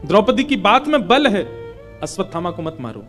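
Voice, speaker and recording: A calm eldest king, voiced by a male storyteller, gives his judgment in a measured, hushed way. The voice stays high overall, but it drops softer and lower here. Faint instrumental music plays underneath.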